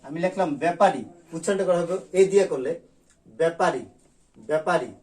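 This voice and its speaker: A male school teacher from Bangladesh giving an online grammar class, repeating key sounds slowly and drilling them. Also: high-pitched, a little mellow.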